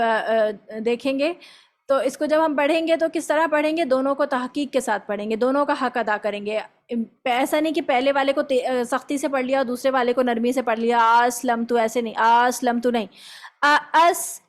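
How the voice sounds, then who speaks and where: A woman teaches a tajweed lesson in a clear, high voice. She goes through each rule step by step and often checks with her students. She recites example words slowly so they can follow.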